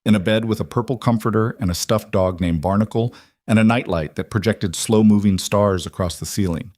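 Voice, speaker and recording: A man reading a scripted story in a calm, measured, soft-spoken way. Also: lowish voice, dry recording, studio quality.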